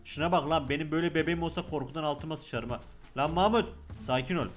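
Young turkish guy playing a horror game, high voice, loud and jokey, faint music behind. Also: fast. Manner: loud, joking, excitable, talks to the game baby. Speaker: gaming YouTuber. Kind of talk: let's play commentary.

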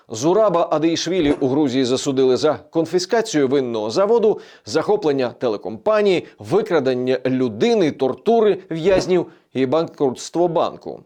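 A man presenting a weekly regional news roundup in a measured, scripted delivery. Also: a little high, darkish tone.

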